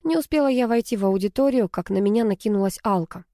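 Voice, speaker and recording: A woman narrating a first-person novel as an audiobook, in a lively storytelling manner. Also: medium pitch, fast, no room sound, studio quality.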